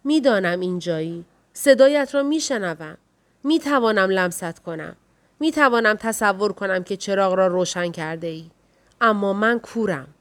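A woman reading a storybook, voicing a quiet, resigned man who has just lost his sight. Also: lightly acted. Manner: low, flat and resigned. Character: man suddenly gone blind, quiet and subdued.

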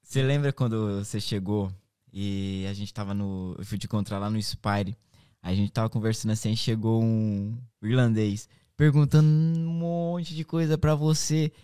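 Hoarse, reedy-voiced Brazilian podcast host, a man. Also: fairly low pitch, steady tone, moderate pace, warm tone, no room sound, studio quality. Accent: Brazilian, interior São Paulo state. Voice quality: cracked, reedy voice. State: hoarse from shouting. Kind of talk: casual, chatty interview.

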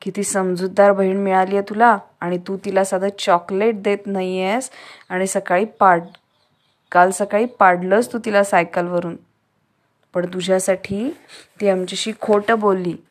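A woman's voice: medium pitch, steady tone, a little slow, lightly acted. A woman doing a stern scolding father. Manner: scolding, raised and forceful. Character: stern father, strict but caring.

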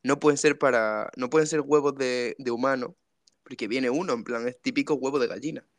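A man's voice: medium pitch, fairly quick, no room sound. A man from co-hosting a casual comedic podcast, telling stories, laughing often and acting out quotes. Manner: jokey storyteller, laughs often and acts out quotes. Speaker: podcast co-host.

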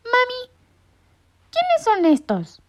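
Squeaky baby seagull chick. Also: female voice, huge pitch swings, drawn-out words, no echo, heavily acted. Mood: sleepy, clingy. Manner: squeaky babyish pleading. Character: tiny newborn seagull chick, clingy and hungry. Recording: muffled lo-fi recording.

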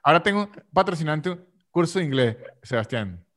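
A man's voice: on the high side, fairly quick. A man with a Venezuelan Spanish accent hosting a podcast in casual chat, joking and playing with how words are pronounced. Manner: joking, animated, plays with pronunciations. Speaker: podcast host.

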